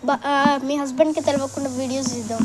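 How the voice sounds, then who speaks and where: A woman's voice: high-pitched, fairly even intonation, fast talker, background noise. A woman with a Telangana Telugu accent, vlogging and pleading emotionally. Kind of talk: casual vlog chat. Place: outdoors.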